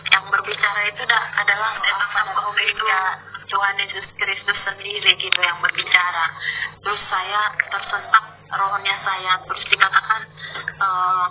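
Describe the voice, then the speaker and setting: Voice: mid-range voice, a little hiss or hum. Hesitant caller over a tinny phone line. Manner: hesitant, many fillers and restarts. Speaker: caller giving testimony. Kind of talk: religious testimony on a live stream.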